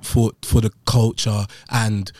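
A man's voice: fairly low pitch, level tone, slow, a little mellow, no room sound. A man in his late twenties with a London accent and roadman slang delivery, chatting casually as an interviewed video editor. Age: late 20s.

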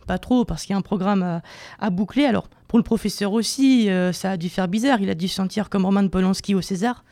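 A man's voice: high voice, darkish tone, no echo. A young man delivering a comic opinion column on student radio, mock-boastful and self-mocking, with many hesitations, into a studio microphone. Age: young adult.

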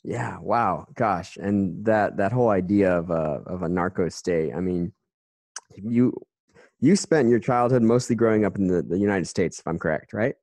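A man hosting a casual interview, speaking haltingly with many restarts and "um"s. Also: deep voice, darkish tone, no room sound.

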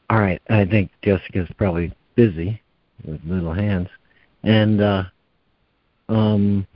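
A man leading a reading group over a video call, talking in an easygoing way with pauses and fillers. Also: lowish voice, dry recording. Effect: heard over a video call. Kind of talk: casual group facilitation. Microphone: computer or headset mic on a video call. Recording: dull lo-fi video call audio.

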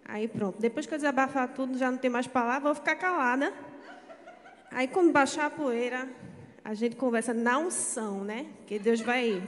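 A woman's voice: high voice, moderate pace. A woman from the congregation, giving advice in a humorous, emphatic way. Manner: humorous, emphatic, repeats words. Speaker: church member answering. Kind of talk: spontaneous advice. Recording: echoey church hall.

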